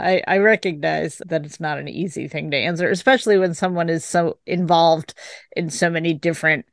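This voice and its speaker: Low-voiced woman hosting an interview. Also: no echo, studio quality. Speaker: interview host. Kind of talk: conversational interview.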